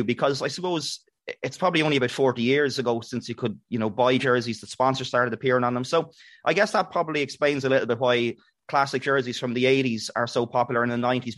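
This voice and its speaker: A man's voice: medium pitch, a bit bright, no room sound. A middle-aged man with an Irish accent talking casually as an interviewer in a conversational discussion.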